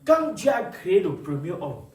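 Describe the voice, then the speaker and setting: A man preaching a sermon, animated and asking the congregation for responses. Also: high-pitched, normal speed. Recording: echoey room, mic far off.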